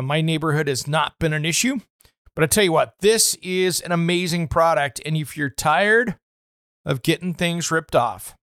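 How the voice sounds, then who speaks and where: A man's voice: fairly high pitch, smooth, no echo, clean studio sound. A man hosting a home improvement radio show, talking casually about products with plenty of fillers. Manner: chatty, relaxed, many "uh" fillers. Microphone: studio microphone.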